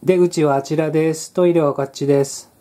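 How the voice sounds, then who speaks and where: A speaker in a talk imitating a flat, machine-like, robotic clerk reading lines in a mechanical monotone. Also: medium pitch, a little fast, close to an everyday voice. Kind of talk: mock demonstration in a talk.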